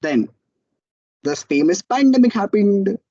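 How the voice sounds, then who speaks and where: High-voiced young Indian-accented man. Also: measured pace, breathy edge, no room sound, highs cut off. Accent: Indian English. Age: young adult. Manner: animated storytelling, acts out quotes. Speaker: student entrepreneur speaker. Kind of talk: motivational talk.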